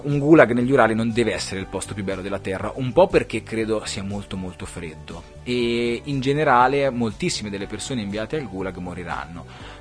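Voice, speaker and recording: A man hosting a poetry show in a studio, talking in a reflective, digressive way with hesitant fillers and restarts. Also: on the low side. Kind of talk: podcast talk with poetry reading.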